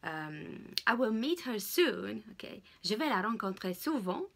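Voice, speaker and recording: A woman, teaching English pronunciation in a casual, hesitant way and repeating words slowly. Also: medium pitch, very animated, vocal fry. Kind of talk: casual spoken lesson.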